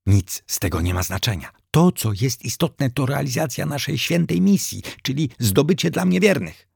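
A man voicing a small, self-satisfied male hamster who believes he is a god, speaking solemnly with a gravelly voice. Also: medium pitch, sing-song, moderate pace, a little mellow, dry recording, clean studio sound, pitched above the performer's own voice, heavily acted.

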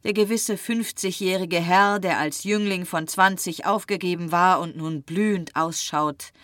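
A weary young man with a mocking edge, heard in a storybook reading. A woman narrator voices him in a fairly low register, recorded dry and close. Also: fairly even intonation, measured pace, fairly bright tone, no echo. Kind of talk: audiobook reading.

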